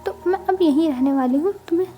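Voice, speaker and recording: A woman's voice: extremely high pitch, fast, warm tone. A woman voicing a boastful, breezy rich young woman in a storybook reading.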